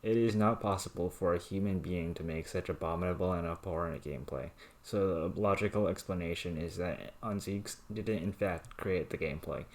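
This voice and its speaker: A man reading a long angry rant aloud in a flat, emotionless monotone. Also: deep voice. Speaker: reader of viewer rants.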